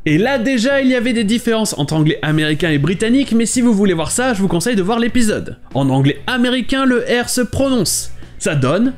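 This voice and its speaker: A man hosts an English pronunciation lesson. His voice is high and very animated, and he explains eagerly. Faint music plays underneath. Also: a little fast. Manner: lively, explanatory. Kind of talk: video lesson.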